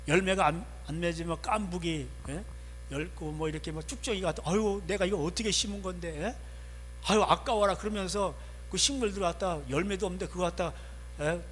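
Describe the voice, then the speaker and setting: Male pastor, sermon delivery with frequent asides and rhetorical questions, somewhat high pitch, reverberant hall with a light mains hum. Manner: conversational preaching, frequent affirming "yes" asides and rhetorical questions. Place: church sanctuary.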